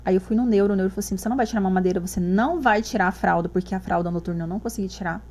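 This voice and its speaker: A woman's voice: medium pitch, rapid-fire, a little mellow. A woman, a mother guest on a podcast, telling her story in casual chat and acting out the dialogue she quotes.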